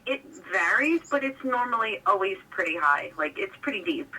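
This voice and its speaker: Woman caller over the phone, sharp and distant. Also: mid-range voice, animated, normal speed. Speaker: radio show caller. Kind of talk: phone-in conversation. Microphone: telephone. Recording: distant, harsh telephone line.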